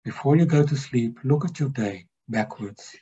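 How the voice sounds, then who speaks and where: A man giving a slow, measured spiritual teaching to a group, stressing key words. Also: mid-range voice, expressive, warm tone, husky, dull audio. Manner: slow, measured, emphatic delivery.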